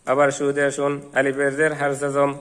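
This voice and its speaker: A Bengali-speaking man teaching Quran reading, spelling out letters and vowel marks, then slowly chanting whole verses. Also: medium pitch, completely flat delivery, fairly bright tone, clean tone. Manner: chants verses in a slow melodic recitation. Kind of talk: slow spelled-out recitation lesson.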